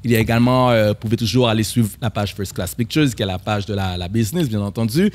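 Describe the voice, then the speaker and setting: A man with a Quebec French accent hosting a podcast in casual chat, animated, dropping English phrases into his French with lots of fillers. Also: on the low side, fast. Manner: frequent fillers and repeated phrases. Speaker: podcast host.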